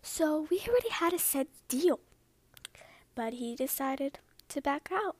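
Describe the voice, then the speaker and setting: A woman in whispered storytelling, speaking softly in a hushed whisper with rambling asides. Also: sits high, lively intonation. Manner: slow, hushed delivery.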